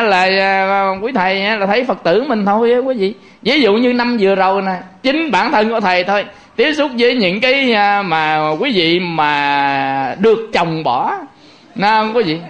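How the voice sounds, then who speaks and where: A man's voice: high voice, a bit bright. A man, a Buddhist monk giving a chatty, joking sermon to lay followers and turning to address them again and again.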